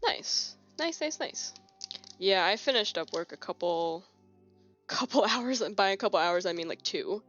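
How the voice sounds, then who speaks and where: In a mid-range voice at a measured pace, a young woman streams from her home desk, chatting loosely while she works on keyboard switches. She sounds a bit sniffly and rambles in a relaxed manner, restarting often and using plenty of fillers. Her phone on a holder gives slightly dull lo-fi audio, with faint music and keyboard clicking behind her.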